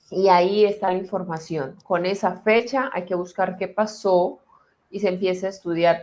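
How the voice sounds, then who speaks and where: A woman therapist explaining family patterns in conversation, calm and deliberate, slowing down as she guides listeners through a healing exercise. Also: medium pitch.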